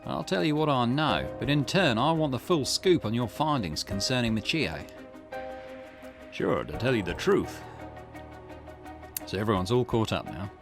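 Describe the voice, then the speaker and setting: With game music playing beneath him, a man with a mid-range voice voices the characters of a detective game in his let's play. He's animated and moderately paced, leaving long pauses as he swings from line to line.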